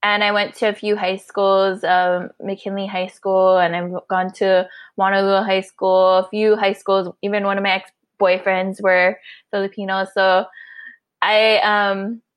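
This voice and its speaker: A woman from Hawaii hosting a podcast, chatting in a friendly, casual way with fillers. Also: medium pitch. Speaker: podcast host.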